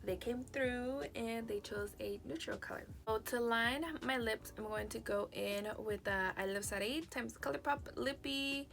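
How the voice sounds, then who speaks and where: A woman's voice: on the high side, a little slow, gravelly, hardly any pauses, fairly bright tone. A young woman doing a casual makeup tutorial, chatty and swearing freely. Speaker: beauty vlogger.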